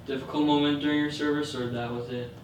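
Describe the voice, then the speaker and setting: Male interviewer, flat even delivery, short questions, picked up far from the mic in a roomy space. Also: on the high side, quick pace. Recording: echoey, distant mic, faint noise.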